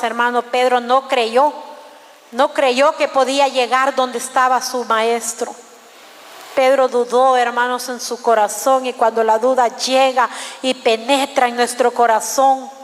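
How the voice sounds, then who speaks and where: A woman preaching a sermon with a high voice and a slow, deliberate delivery. She speaks fervently and keeps turning to the congregation as brothers and sisters. Her words ring out with a long reverb.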